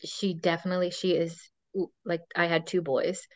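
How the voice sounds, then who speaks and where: A woman's voice: on the low side, flat delivery, moderate pace, no room sound. A woman in her thirties, a podcast guest, chatting casually and telling a long story full of fillers and quoted dialogue. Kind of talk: casual chat. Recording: dull dry lo-fi sound.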